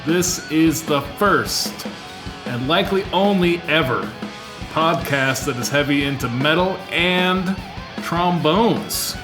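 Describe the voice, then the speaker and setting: A man's voice: fairly high pitch, slow pace. Guy hosting a casual podcast, easygoing banter, guitar playing behind him. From Canada. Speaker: podcast host.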